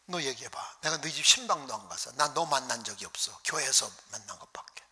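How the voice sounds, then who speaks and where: Male revival preacher, bright and lively, shouts then whispers, echoing church hall. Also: medium pitch, fast. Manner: animated storytelling, acting out voices, dropping to whispers. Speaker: pastor. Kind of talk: revival sermon storytelling.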